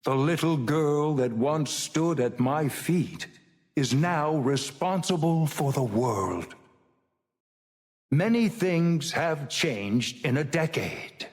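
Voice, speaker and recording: This is an ancient, wise male mentor voicing lines for a video game hero. Solemn and cryptic, he doles out each phrase slowly in a mid-range voice with wide rises and falls, and a long hall reverb trails his grave delivery.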